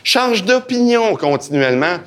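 A man with a Québécois French accent speaking as a guest on a live podcast in front of an audience, animated and joking, acting out the voices in his head. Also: high-pitched, measured pace. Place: event hall with live audience.

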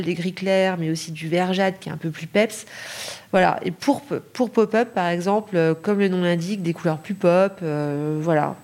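A middle-aged lighting designer from Paris, France, appears as a podcast guest, answering interview questions with many fillers and restarts. Her voice is on the low side and darkish in tone.

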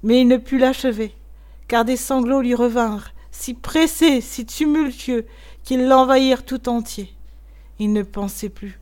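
A woman narrating a classic tale in a measured, expressive storytelling voice. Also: fairly high pitch. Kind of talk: audiobook reading of a classic tale.

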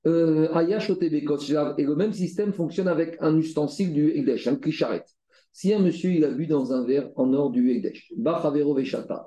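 A man leads a Talmud study lesson. His voice sits a little high and sounds mellow, and he works through the text step by step with repeated phrases and rhetorical questions. The sound carries a noticeable room echo. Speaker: Talmud teacher. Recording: roomy echo.

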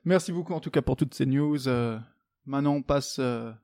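A man's voice: medium pitch, normal speed, darkish tone. A man hosting a casual podcast, playful and hesitant, with frequent fillers. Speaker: podcast host.

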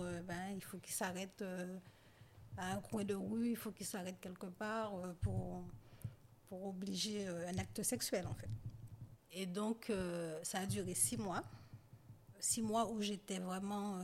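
A woman guest on a podcast, telling her personal story in a halting, hesitant way that often trails off quietly. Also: medium pitch, slight background noise. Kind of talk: personal testimony in conversation.

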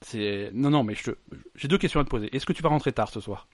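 A man hosting a loose, joking podcast, his voice sitting at a middle pitch. He rambles and restarts as he explains things, and he is recorded close and dry, with no room sound around him. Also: animated, quick pace, no echo. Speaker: podcast host. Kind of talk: casual comic chat.

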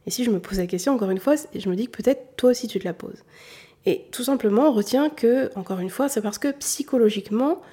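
A woman's voice: a little high, a little fast, warm tone, slightly rough. A woman from southern France with a faint southern French accent, patiently explaining a lesson directly to the listener and repeating her key points. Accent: southern French, mostly hidden. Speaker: colour analysis consultant. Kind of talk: explanatory talk to the viewer.

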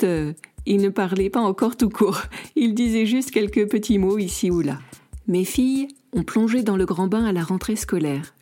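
A woman's voice: medium pitch, mellow. A woman from France, a parent, hosting a podcast in a friendly, informative way with light self-mocking asides. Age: adult parent of school-age children. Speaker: podcast host. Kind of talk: scripted podcast narration.

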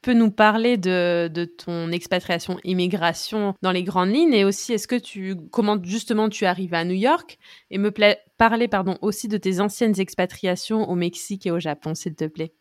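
A woman interviewer asks relaxed, informal questions and addresses her guest familiarly. Her voice is recorded dry and close, with no room sound. Her pitch is mid-range. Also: normal speed, no room sound.

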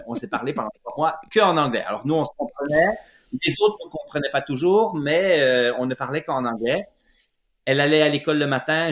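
A man's voice: medium pitch, a bit bright. A middle-aged man with a Quebec French accent, telling his story as an interview guest, hesitant with many fillers and restarts. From Quebec, Lac-Saint-Jean. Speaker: guest, running clinic founder. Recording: roomy echoey room.

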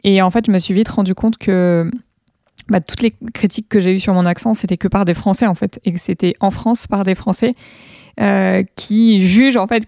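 A woman hosts an interview in a relaxed, conversational way and shares personal anecdotes. Her voice is warm and mellow, with a medium pitch. The sound is dry and close, with no room echo. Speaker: interviewer, account host. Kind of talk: casual interview chat.

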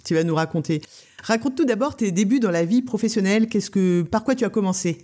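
A woman's voice: medium pitch, animated, fast talker, warm tone. A woman hosting a podcast interview, reading a scripted intro and then prompting her guest with friendly questions and short acknowledgements. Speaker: podcast host. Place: small shop, behind the till.

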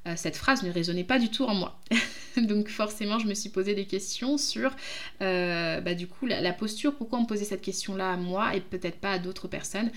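A French woman hosting her own podcast, speaking in a reflective, hesitant way with many pauses. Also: medium pitch. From France. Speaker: podcast host, jurist. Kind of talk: casual podcast monologue.

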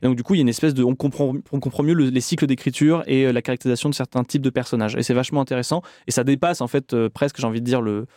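A man talking quickly and casually as host, often stumbling through fillers and restarts. His voice is mid-pitched, and the sound is dry and close. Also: fairly even intonation, dark tone, dry recording. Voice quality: hesitant, many fillers and restarts. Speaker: podcast host. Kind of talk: casual chat.

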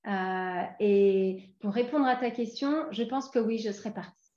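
A woman's voice: mid-range voice, unhurried, warm tone. A woman in her forties from France, a guest in a casual interview, talking hesitantly with many fillers and restarts. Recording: roomy, dull lo-fi sound.

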